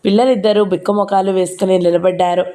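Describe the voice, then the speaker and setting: A woman reading a novel aloud in a steady, even storytelling voice. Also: medium pitch, quick pace.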